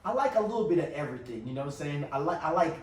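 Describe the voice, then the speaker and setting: High voiced guy defending himself in barbershop debate, slangy, repeats himself, echoey room far from mic. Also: very animated, racing, a little hiss or hum. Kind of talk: casual group banter with slang.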